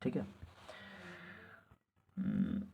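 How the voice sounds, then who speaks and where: A man teaching an exam-prep spelling lesson in a casual way, slowly repeating words for emphasis. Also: rumbling low, wildly swooping pitch, creaky, a little hiss or hum. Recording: dull lo-fi recording.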